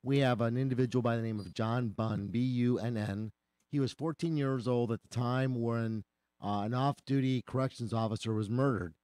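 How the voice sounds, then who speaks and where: Mellow-voiced attorney, slightly hoarse. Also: male voice, medium pitch, moderate pace, no room sound. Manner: earnest, explanatory. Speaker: attorney guest. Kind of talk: radio talk, explaining a legal case.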